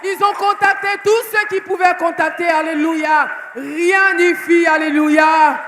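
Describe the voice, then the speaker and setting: A woman's voice: extremely high pitch, fairly even intonation, a little slow, a bit bright, big-room sound, some chatter behind, slight background noise. A woman preacher leading the service, calling out praise and stretching her words for emphasis. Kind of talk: sermon with shouted praise.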